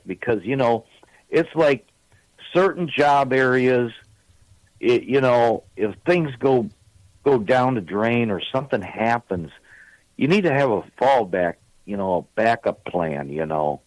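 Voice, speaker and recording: A man's voice: mid-range voice, lively intonation, unhurried, dry recording, rough recording. A man in his sixties calling in to a radio show, telling long, rambling stories full of fillers. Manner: rambling, chatty storytelling with many fillers. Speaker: caller. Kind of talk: casual call-in chat.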